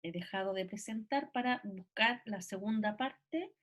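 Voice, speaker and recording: A woman's voice: mid-range voice, measured pace, fairly bright tone. A woman lecturing an online class, explaining with many fillers and tag questions. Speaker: university lecturer. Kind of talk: online class commentary on a video.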